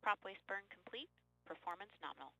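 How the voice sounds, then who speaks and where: A woman's voice: medium pitch, animated, brisk, pushed and bright, poor audio. A woman mission controller giving clipped, procedural radio calls to a spacecraft crew over a radio loop. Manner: crisp, clipped procedural callouts. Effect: radio loop transmission.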